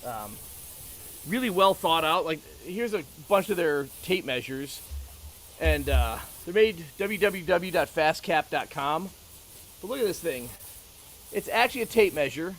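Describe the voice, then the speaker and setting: A man's voice: a little high, expressive, a little slow, a bit bright, a little hiss or hum. A man chatting casually and talkatively, with joking asides, as he shows off things. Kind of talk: casual chat about tools.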